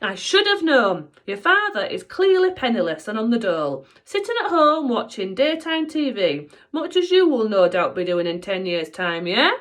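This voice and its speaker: A woman's voice: fairly high pitch, very animated, normal speed, hardly any pauses. A woman voicing a cruel, gloating female schoolteacher in a children's storybook reading, snapping and relishing her words. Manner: sharp, snapping, relishing each word.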